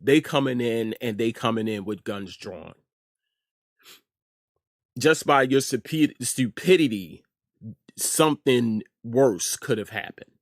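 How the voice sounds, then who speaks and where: A middle-aged American man hosts an online news commentary show, offering informal opinions emphatically and repeating phrases for effect. His medium-pitched voice has lively intonation, and he takes things slowly, pausing often. The clean studio recording has no room sound.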